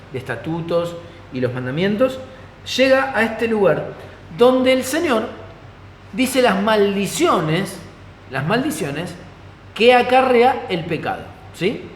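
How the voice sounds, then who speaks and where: A pastor with a Rioplatense Spanish accent teaching a Bible study in a conversational way, often checking in with his listeners. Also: high-pitched. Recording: echoey hall, faint ambient noise.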